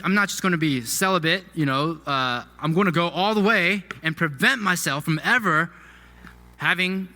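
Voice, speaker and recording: A man's voice: fairly high pitch, sharp tone. A man preaching a sermon as pastor, teaching conversationally with rhetorical questions and fillers. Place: church sanctuary. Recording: long church-hall reverb.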